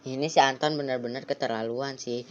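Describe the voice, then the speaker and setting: A woman's voice: a bass voice, steady tone, a little fast. A woman giving casual, offhand commentary while playing a game. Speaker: game player. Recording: lo-fi, dull sound.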